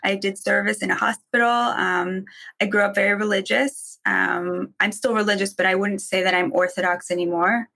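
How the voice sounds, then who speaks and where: Bright, emphatic woman guest. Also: medium pitch, fairly even intonation, creaky. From from Boston, raised in Israel. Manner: fast, emphatic, many "I mean" and "um". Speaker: guest, opinion editor. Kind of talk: opinionated interview talk.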